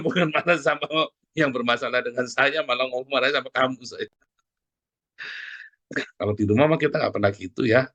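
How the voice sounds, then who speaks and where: Animated man preaching casually. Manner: animated, conversational, with jumps in pitch and frequent asides to the congregation. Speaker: pastor. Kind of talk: casual sermon.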